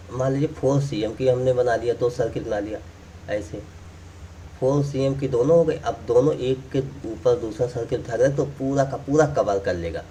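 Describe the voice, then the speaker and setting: A man's voice: mid-range voice, dark tone, recorded from a distance, slight background noise. A man teaching math, explaining step by step while drawing and repeating key points. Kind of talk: classroom explanation.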